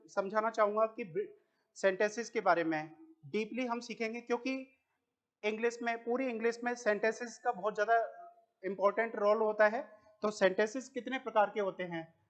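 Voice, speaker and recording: Teaching English in a classroom, this Indian-accented man explains slowly, asking questions and then answering them, and he repeats each word. His voice sits high with a fairly bright tone, though the audio is dull.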